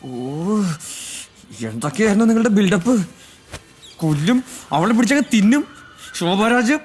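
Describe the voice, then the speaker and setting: A man's voice: high-pitched, big pitch swings, normal speed, slight background noise. An actor playing an anxious young man who complains in an aggrieved, whiny way in a film comedy. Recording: film scene with faint music.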